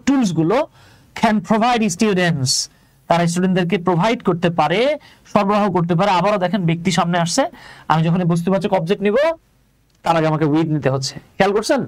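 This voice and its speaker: A Bangladeshi man with a high-pitched voice teaches English in a live online class, with no echo in the audio. He explains things step by step and asks his students questions.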